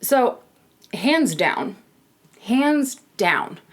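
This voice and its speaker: A woman's voice: fairly high pitch, sing-song, drawn-out words, heavy background noise. A woman vlogger talking about music, chatty and emotional, reading excerpts aloud. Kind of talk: vlog commentary with readings.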